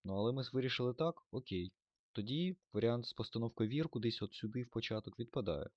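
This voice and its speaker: A man's voice: medium pitch, fast, dry recording, muffled recording. A man teaching German grammar in a lesson, thinking aloud with fillers and self-corrections.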